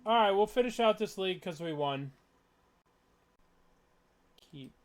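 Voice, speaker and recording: Male player doing relaxed, unhurried game commentary, voice slightly high and swinging up and down a lot, muttering and cursing now and then. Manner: mutters and thinks aloud, swears when frustrated. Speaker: player commentating his own online card game matches. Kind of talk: casual gameplay commentary.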